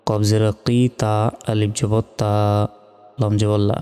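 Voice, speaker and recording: A man teaching Quran reading, spelling out each Arabic letter and vowel mark slowly and carefully. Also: on the low side, monotone, mellow, smooth. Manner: slow, measured letter-by-letter spelling. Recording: long hall reverb with faint music.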